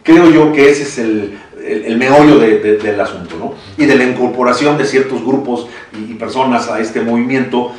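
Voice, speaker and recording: A man's voice: medium pitch, moderate pace, hardly any pauses. A man with a Mexican accent in a panel discussion, talking with many restarts and chuckles. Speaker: citizen council member. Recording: echoey room from far off.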